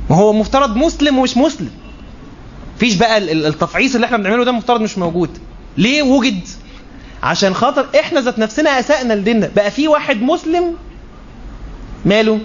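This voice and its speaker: A male preacher with an Egyptian Arabic accent talks in a high voice at a rapid clip, slipping into short acted-out exchanges as he makes his point. The recording is slightly dull, with a faint hiss behind it. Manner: animated, acts out quick dialogues. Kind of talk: colloquial religious talk.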